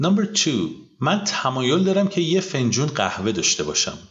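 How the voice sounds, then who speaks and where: A man hosting an English lesson for Persian speakers, patiently repeating each word slowly so the learner can copy it. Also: mid-range voice, huge pitch swings, dull audio. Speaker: English teacher, podcast host. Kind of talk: scripted language lesson, drilling vocabulary.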